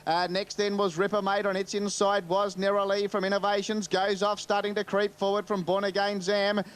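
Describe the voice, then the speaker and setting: A man's voice: high voice, monotone, normal speed, clean tone. A man with an Australian accent giving live horse racing commentary.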